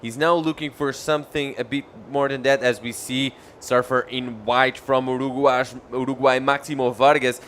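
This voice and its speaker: A man commentating live on a surfing contest, announcing score updates in a measured, piece-by-piece way. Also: medium pitch, steady tone, fairly bright tone, slight background noise.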